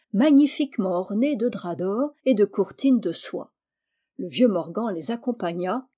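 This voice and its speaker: A woman storyteller reads a fairy tale aloud at a measured, expressive pace. Her voice is mellow and dark, sitting at a middle pitch.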